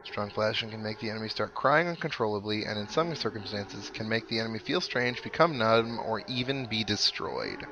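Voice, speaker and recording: A gaming video host, a man with a lowish, expressive voice, talks briskly with few pauses while playing through a video game. He thinks aloud casually and lets out mild exclamations, with video game music and noise in the background.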